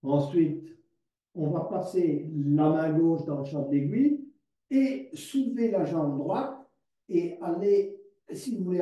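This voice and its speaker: A man teaching a yoga class, giving calm step-by-step cues and slowly repeating words as he guides the poses. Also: fairly high pitch, highs cut off. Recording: distant mic in a very echoey room.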